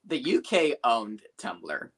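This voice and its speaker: Bright-voiced young man, animated guest. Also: mid-range voice, slow pace. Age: 20s. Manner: animated, self-dramatizing storyteller. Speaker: podcast guest. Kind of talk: casual podcast chat.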